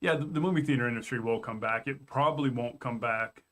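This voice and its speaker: A man's voice: medium pitch, fast talker, fairly bright tone. A man co-hosting a fan review podcast in casual chat, earnest and given to stammered restarts. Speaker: podcast co-host.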